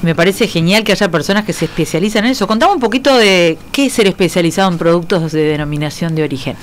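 A woman's voice: on the low side, quick pace, slight background noise. A woman in her forties with a Uruguayan accent, hosting a studio interview and introducing her guests conversationally. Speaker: host. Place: indoor studio. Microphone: studio mic on stand.

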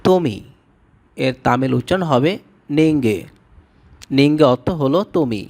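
A man who speaks Bengali as his first language, giving a scripted language lesson and slowly repeating each word with its meaning. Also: medium pitch, creaky, darkish tone. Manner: slow, repetitive word-by-word drilling. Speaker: language teacher.

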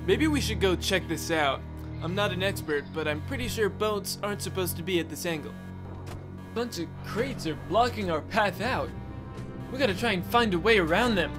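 A man voicing a bumbling, boastful ship captain in a comedy machinima, talking in an excitable, rambling way and breaking into yelps. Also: high-pitched, normal speed, over music. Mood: puzzled.

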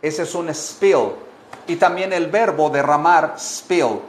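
Slow, patient male English teacher. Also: on the high side, a little hiss or hum. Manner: repeats phrases slowly, explains in Spanish. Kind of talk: bilingual language lesson. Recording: echoey room.

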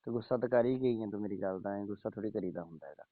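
Male caller, low voice, talks fast, coaxing tone, heard over a phone. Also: no echo. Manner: coaxing, pleading. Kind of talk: phone call. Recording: tinny phone line.

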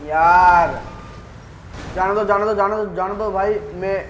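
A man giving live gameplay commentary as a gaming YouTuber, excitable and trash-talking rivals with swearing. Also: high-pitched, a little slow, reverberant, lo-fi sound, slight background noise.

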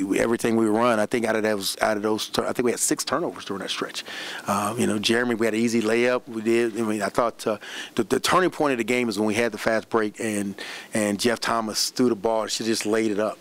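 Man, middle-aged, basketball coach, post-game press conference, rapid, animated, desk microphone. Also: on the low side. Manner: animated, repeats words, fast run-on talk. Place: press room in front of a backdrop. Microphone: desk microphone on a stand.

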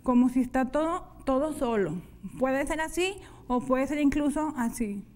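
Female sign language teacher, high-pitched, patient step-by-step explainer. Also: a little mellow. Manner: slow, step-by-step explanation of hand signs. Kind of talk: televised classroom lesson.

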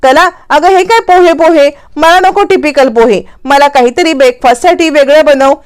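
A woman's voice: sits high, normal speed, close to an everyday voice. A woman voicing an arrogant young daughter-in-law, haughty, defiant and rude.

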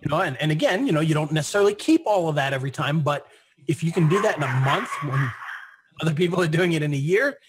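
A man's voice: on the high side, lively intonation, fast talker, slight background noise. A man speaking as an interview guest in a casual conversation, often repeating his first words and laughing.

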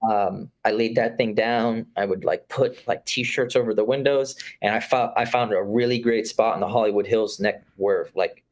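A man's voice: on the low side, fairly even intonation, moderate pace, few pauses. A man in his thirties from Florida, a guest filmmaker talking casually over a video call, laid-back and full of fillers. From Florida, USA. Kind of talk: casual conversation. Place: room with curtained window.

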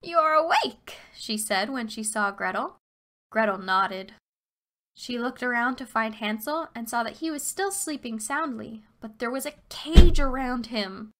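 A woman narrating a children's fairy tale expressively, slowing down for emphasis. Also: a little high.

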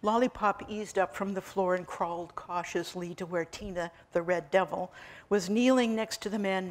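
Woman author reading her novel aloud. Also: fairly low pitch.

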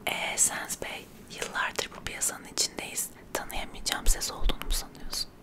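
Quiet, teasing young woman whispering at night. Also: normal speed. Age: young adult. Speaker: ASMR creator and game contestant. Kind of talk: ASMR whispering, playful challenge chat. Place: small neon-lit room, indoors. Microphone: close desk microphone with foam cover.

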